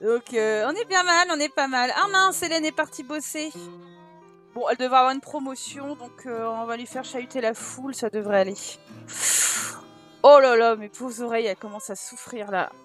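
A woman hosting a casual let's-play, chatty and expressive, full of exclamations and filler words. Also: high voice, moderate pace, faint music behind. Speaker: gaming channel host.

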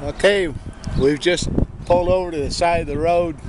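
An older man narrating his RV road trip in a relaxed, rambling way, from inside a moving vehicle. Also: a little high, moderate pace. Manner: easygoing, rambling with many fillers. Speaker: RV travel vlogger. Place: inside a moving RV on a desert highway. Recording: distant from the mic, loud road noise.

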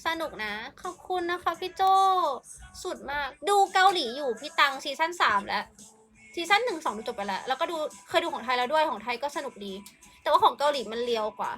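A woman's voice: sits high, lively intonation, a little fast, bright, forceful tone, soft background music. A young woman live streaming, chatting casually and playfully greeting and thanking viewers by name.

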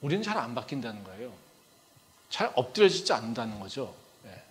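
A man preaching a sermon as pastor, talking in a conversational way and acting out dialogue, swinging between loud pleas and quiet asides, often dropping in a short filler. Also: mid-range voice, sing-song, brisk. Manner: frequent filler "ye".

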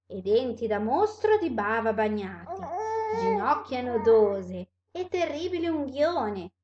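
Expressive woman teacher reading a story. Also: on the high side, takes it slowly, dull audio, a crowd in the background. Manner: expressive rhyming read-aloud.

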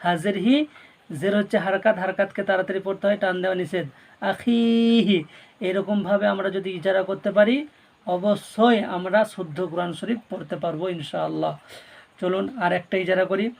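A man teaching Quran reading, spelling out syllables slowly and repeating each word, then explaining the rules more quickly. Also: high-pitched, fairly even intonation, gravelly. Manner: explains rules quickly and softly between drills. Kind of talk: slow drilled recitation lesson, spelling out syllables.

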